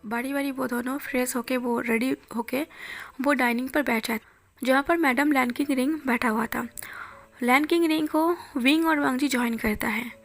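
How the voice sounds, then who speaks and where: A woman narrating a fan fiction story in a soft, hushed reading voice, with faint music behind. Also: high voice, steady tone, normal speed.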